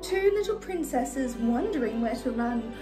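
A young woman playing a sweet, gracious fairy-tale princess, reading in an animated, sing-song way for small children. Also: a little high, a little slow, poor audio. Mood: sweet storytelling. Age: young adult. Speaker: children's party entertainer reading a storybook. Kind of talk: children's storybook reading in character. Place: small decorated room indoors. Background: music.

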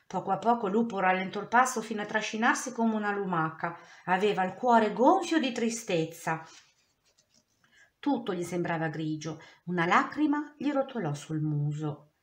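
Expressive woman teacher reading a storybook. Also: medium pitch, moderate pace. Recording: echoey room.

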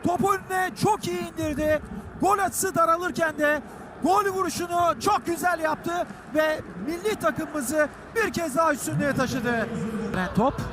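A man doing excited live football commentary, shouting urgently and screaming goal calls. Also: very high voice, unhurried. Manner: shouting and urgent as attacks and goals unfold. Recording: loud stadium noise behind the voice.

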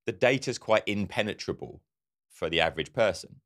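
Deep-voiced man chatting on a podcast. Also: fairly quick. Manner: animated storyteller, acts out quotes. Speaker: podcast co-host. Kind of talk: casual conversational podcast chat.

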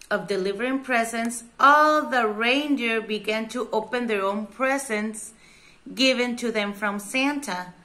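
A woman storyteller reads a children's story aloud, taking her time over every phrase. Her voice is bright and a little high, and she leans into the words with expressive emphasis. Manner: slow, expressive read-aloud.

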